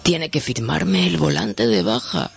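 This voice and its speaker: A man reading a story aloud and voicing a soft-spoken man in bed who answers the doctor calmly. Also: medium pitch, gravelly, over loud music, full character voice. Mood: calm sly. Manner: soft, slow and calm.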